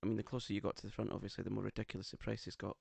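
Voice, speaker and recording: English male podcast co-host, camp and teasing, gravelly edge, dry close-miked sound. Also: fairly low pitch, little pitch movement, racing, darkish tone, no room sound. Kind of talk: casual chat. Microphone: studio microphone.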